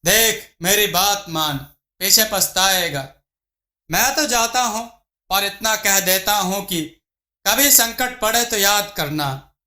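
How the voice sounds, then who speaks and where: A man's voice: high voice, lively intonation, slow, bright, forceful tone, full character voice. A man voicing an old holy guru who speaks in a grave, admonishing way, in an echoey room. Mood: warning. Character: old holy male guru, cautious and stern.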